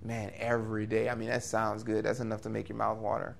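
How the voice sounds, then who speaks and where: A man preaching an expository sermon in an earnest, conversational way, with lively rises and quick asides. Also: lowish voice, vocal fry, a little hiss or hum.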